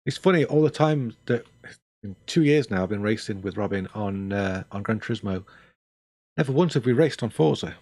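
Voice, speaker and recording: A man's voice: on the low side, animated, moderate pace, a little mellow, dry recording. Chatty older man, dry close sound. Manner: chatty, rambling, dryly self-mocking. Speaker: game streamer. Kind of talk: casual live-stream chat.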